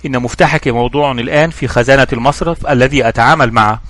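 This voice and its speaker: A man voicing a calm, shrewd young investigator in a storybook reading, with measured, questioning speech. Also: medium pitch, lightly acted.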